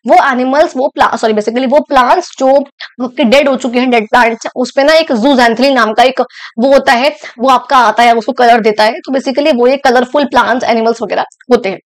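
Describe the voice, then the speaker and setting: A young woman teacher explaining a school geography lesson in a chatty way, often stopping to check that the students follow. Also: high-pitched. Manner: chatty, repeats and checks understanding.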